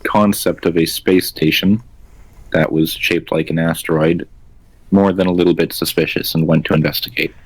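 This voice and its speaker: Man doing a calm, deep-toned female robot. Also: normal speed, husky, no echo, heavily acted, rough recording. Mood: deliberate.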